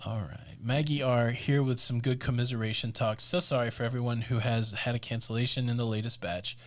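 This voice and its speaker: A man's voice: medium pitch, fairly even intonation, a little fast, a little hiss or hum. A man co-hosting a casual live cruise stream, joking around and reading out viewer names and super chats, his eyes watering and nose running. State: eye watering, sniffly. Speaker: co-host of a live cruise show.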